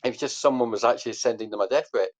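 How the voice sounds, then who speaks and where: A man's voice: mid-range voice, rapid-fire. Rambling man telling a story. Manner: rambling, with many fillers and restarts. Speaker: podcast guest. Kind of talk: casual storytelling and quiz hosting. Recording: dull lo-fi audio.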